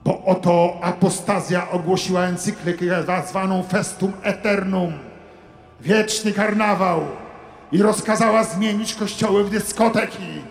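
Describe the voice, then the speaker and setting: A man delivering a satirical sermon monologue as a comic preacher, theatrical, moving from hushed asides to shouted preaching. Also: sits high, fairly even intonation, measured pace, gravelly, reverberant, in a large hall, faint music behind.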